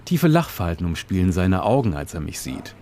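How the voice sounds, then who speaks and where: A male reporter narrating a scripted radio report in a measured, descriptive way. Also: low voice, sing-song, warm tone, slight background noise.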